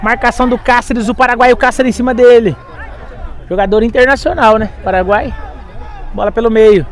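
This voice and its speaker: Brazilian guy calling a soccer game live, really high voice, outdoors w/ a little crowd noise. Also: brisk. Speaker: football match commentator. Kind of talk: live play-by-play commentary. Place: small outdoor grass football ground, at the touchline.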